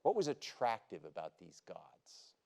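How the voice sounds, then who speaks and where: A man's voice: lowish voice, huge pitch swings, measured pace, gravelly, dark tone. A man, a pastor, leading a Bible study in a conversational way and putting questions to his group. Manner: conversational, asks the group questions, many restarts. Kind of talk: teaching Bible study talk.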